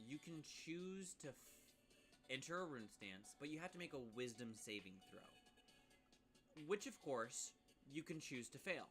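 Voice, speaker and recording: A man's voice: mid-range voice, fairly bright tone. A man casually reviewing a game class on a live stream, chatty and full of asides to viewers.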